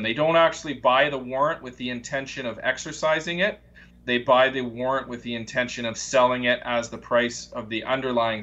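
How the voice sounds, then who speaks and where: A man on a live investing show, calmly explaining trading ideas step by step with frequent fillers. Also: mid-range voice, muffled recording. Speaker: market commentator. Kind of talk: casual explanatory chat.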